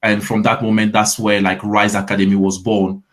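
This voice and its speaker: A man's voice: fairly low pitch, flat delivery, moderate pace, fairly bright tone. A man in his twenties from Ivory Coast with a French accent, a fitness coach answering interview questions in a friendly way, often repeating words as he starts.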